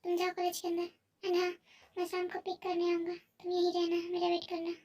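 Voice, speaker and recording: A woman's voice: extremely high pitch, monotone, brisk, dark tone, distant mic. A woman voicing a possessive, controlling young husband who speaks in a cold, commanding way.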